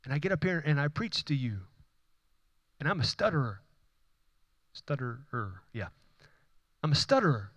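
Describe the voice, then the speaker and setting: A Houston, Texas pastor preaches a sermon in church, his mid-range, slightly bright voice very animated at normal speed with long pauses. He builds impassioned, repetitive runs of emphatic phrases that rise in intensity. The recording has no echo, but the highs are cut off.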